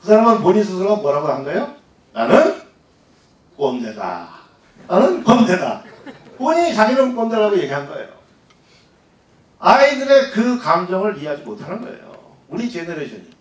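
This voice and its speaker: A middle-aged man giving a public lecture, animated and asking the audience questions. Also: high voice, quick pace. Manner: animated, asks the audience questions, acts out quoted people. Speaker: guest lecturer. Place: lecture hall. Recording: echoey hall, distant mic.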